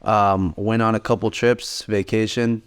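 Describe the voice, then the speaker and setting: A man's voice: on the low side, level tone, measured pace, smooth. A man in his late twenties telling his story in a laid-back, rambling way as a podcast co-host. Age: 20s. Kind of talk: casual podcast chat.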